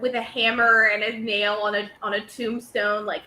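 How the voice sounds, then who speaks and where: A woman chatting casually as a podcast guest, lively and laughing, with playful put-on voices. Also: on the high side, moderate pace, roomy sound, slight background noise, poor audio. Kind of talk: casual chat.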